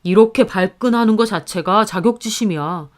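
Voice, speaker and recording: A woman's voice: medium pitch, moderate pace, natural voice. A woman voicing a defensive, condescending husband who needles his wife, in a narrated story. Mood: needling. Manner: needling, accusing.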